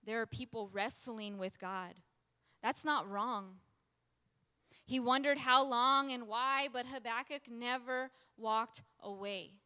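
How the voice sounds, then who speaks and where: A woman preacher gives an emphatic sermon, slowly and repeatedly returning to her key phrases. Her slightly high voice has a crisp, bright edge. It echoes through a large room with a long, trailing reverb.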